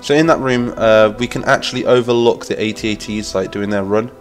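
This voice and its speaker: Soft background music accompanies a brisk, fairly low voice with fairly even intonation. It's an English-accented man from Lincolnshire, nasal from a cold, chatting enthusiastically and rambling on a gaming live stream as he reads chat aloud.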